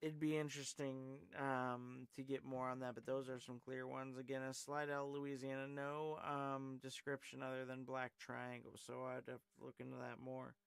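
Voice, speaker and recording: This live call-in host chats casually, rambling, relying on fillers, and reading the chat aloud, barely pausing at all. His gravelly, mid-range voice moves little in pitch at a normal speed. It sounds clear and resonant, without room sound.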